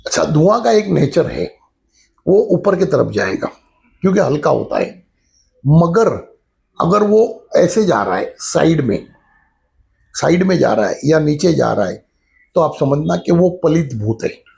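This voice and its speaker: A middle-aged man with a gravelly, crackling voice that sits a little high for a man talks through a spiritual lesson like an informal chat. He explains things step by step and keeps dropping the same filler phrase as he goes, easing into a story from his own childhood. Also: big pitch swings, a little slow, pauses often, a little mellow. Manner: conversational, repeats the filler "jo hai na" often. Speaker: spiritual teacher. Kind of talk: casual spiritual talk with storytelling.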